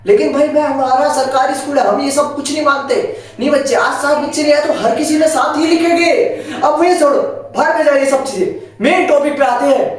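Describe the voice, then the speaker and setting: Teen male vlogger, high-pitched and animated, indignant storytelling, recorded far from the mic in an echoey room. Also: a little fast. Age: late teens. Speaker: vlogger, school student. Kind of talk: casual storytelling vlog.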